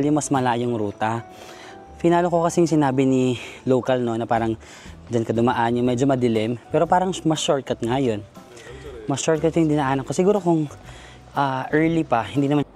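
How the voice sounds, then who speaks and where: A man's voice: medium pitch, warm tone. A man with a Filipino accent chatting in a casual travel vlog while walking outdoors at night, self-mocking and laughing often. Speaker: travel vlogger. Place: outdoors in a city park at night.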